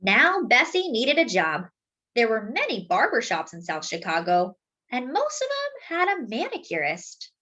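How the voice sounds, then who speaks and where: Here a woman with a fairly high voice narrates a children's book as a storyteller would. She phrases things deliberately, draws out words to stress them, and keeps the reading expressive, though the highs in the audio are cut off.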